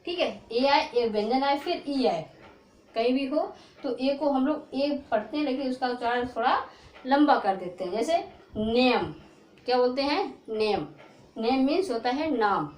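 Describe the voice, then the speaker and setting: A woman teacher explaining spelling rules to students, slowly sounding out letters and often checking in with her class. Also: high voice, darkish tone. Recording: echoey room.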